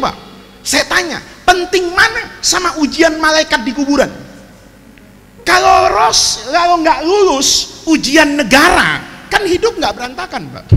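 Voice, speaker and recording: A man preaching a humorous sermon, telling stories with jokes and asides to the congregation. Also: extremely high pitch. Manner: animated storytelling with jokes, frequent asides to the audience. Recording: reverberant hall, faint ambient noise.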